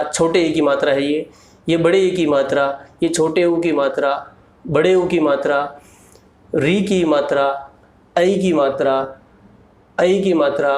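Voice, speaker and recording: Slow, patient male teacher, echoey. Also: on the high side, darkish tone. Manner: patient, spells letters out one by one. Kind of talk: slow explanatory lesson.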